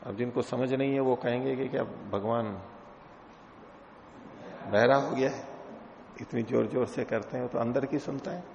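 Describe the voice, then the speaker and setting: A man's voice: mid-range voice, steady tone, moderate pace, gravelly, pauses often, darkish tone. A man teaching scripture in a lecture, explaining step by step, asking rhetorical questions, and chanting Sanskrit verses between explanations. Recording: echoey hall, dull lo-fi sound.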